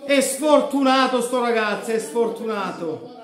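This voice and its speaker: A man in his thirties giving a live football reaction at home, shouting goals, chanting players' names and pumping his fists. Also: very high voice, animated, unhurried. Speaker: football fan streamer. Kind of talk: live match reaction commentary. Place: living room with a grey sofa. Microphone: fixed camera at desk distance. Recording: echoey room.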